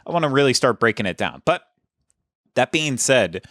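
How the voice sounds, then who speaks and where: A man's voice: mid-range voice, sing-song, normal speed, fairly bright tone, no echo, clean studio sound. A man hosting a casual podcast, talking in a chatty, rambling way with frequent restarts. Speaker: podcast host.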